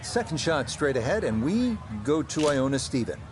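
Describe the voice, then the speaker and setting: A man's voice: fairly high pitch, sing-song, normal speed. A man anchoring live golf commentary as the play-by-play commentator. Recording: crowd and outdoor noise behind. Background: golf crowd and outdoor ambience.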